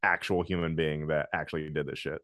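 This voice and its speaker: A man co-hosting a podcast, chatting in a relaxed, rambling way with plenty of fillers. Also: rumbling low, brisk, no echo, clean studio sound. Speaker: podcast co-host. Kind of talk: casual chat.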